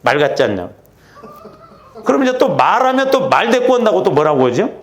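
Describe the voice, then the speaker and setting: Lively gravelly Korean preacher man. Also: high-pitched, brisk. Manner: animated preaching, acting out quarrels in asides. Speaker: pastor. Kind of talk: sermon. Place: church.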